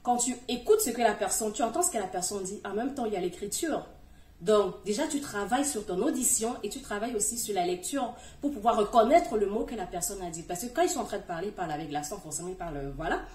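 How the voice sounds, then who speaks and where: A woman's voice: medium pitch, animated, fast talker, a little mellow. Woman vlogger, casual and chatty, addresses the viewer, voice distant and roomy. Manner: chatty, speaks directly to the viewer. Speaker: video host giving language tips. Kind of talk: casual advice video. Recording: echoey room, voice from a distance.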